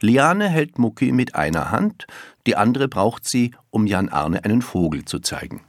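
A narrator reading a children's story aloud in a calm, expressive way. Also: mid-range voice, normal speed, no echo, clean studio sound.

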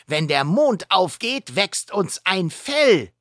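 A woman's voice: medium pitch, very animated, slow pace, no echo, studio quality, voice pushed up. A woman voicing a bossy, boastful werewolf kid who talks in a cocky, threatening way.

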